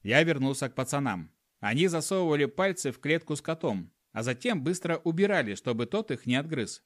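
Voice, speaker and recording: A man's voice: a little high, big pitch swings, brisk, dry recording, clean studio sound. A man narrating a humorous first-person audiobook in a wry storytelling manner. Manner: wry storytelling with acted dialogue.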